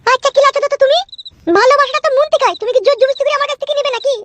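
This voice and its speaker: A woman voicing an angry married village woman, a mother of three, in a comedy cartoon, shrill and foul-mouthed. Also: steady tone, racing, highs cut off, very noisy. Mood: indignant.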